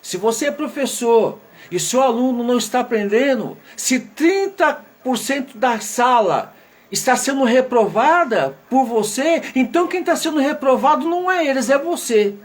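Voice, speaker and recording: A Brazilian man, an educator, telling a dramatic moral story and then preaching to parents and teachers, dropping low for the sad parts and rising with emphasis. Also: expressive, normal speed. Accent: Brazilian Portuguese.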